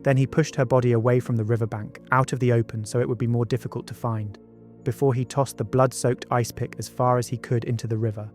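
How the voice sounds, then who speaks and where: With background music beneath him, a man delivers scripted narration for a true-crime documentary, mixing in conversational asides. His medium-pitched, slightly mellow voice is fast and flat.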